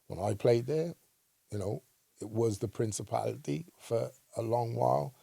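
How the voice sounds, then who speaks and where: A man's voice: medium pitch, moderate pace, gravelly, dark tone, breathy edge, dry recording. A man who used to play football, co-hosting a casual football chat and often checking in with "right?". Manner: emphatic, asks "right?" often. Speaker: co-host, former footballer.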